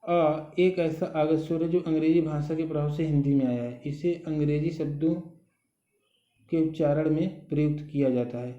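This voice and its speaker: A man's voice: fairly high pitch, fairly even intonation. A man teaching a grammar lesson, explaining step by step and often checking in with the listener. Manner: slow, patient explaining with frequent "ठीक है" check-ins. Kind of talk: recorded Hindi grammar lesson. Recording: dull echoey room sound.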